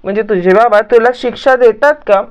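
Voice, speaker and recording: A woman's voice: fairly high pitch, fairly quick, smooth, close to an everyday voice. A woman voicing a patient grown woman. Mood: questioning. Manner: explaining patiently to a child. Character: knowing adult woman explaining things to a boy. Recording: muffled lo-fi recording.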